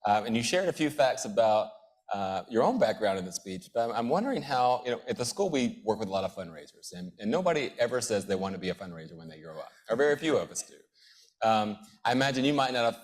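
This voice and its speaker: Low-voiced man moderating, hesitant. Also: big pitch swings, fast talker. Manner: hesitant, many fillers and restarts. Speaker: moderator, professor. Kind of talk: on-stage interview.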